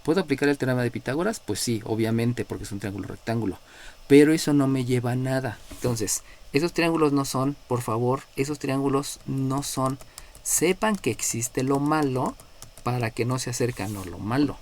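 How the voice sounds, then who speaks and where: A man with a Mexican Spanish accent teaches math in a live class, explaining step by step, checking in with frequent "¿no?", and calling on students by number. His voice is medium-pitched and darkish, and he speaks a little fast.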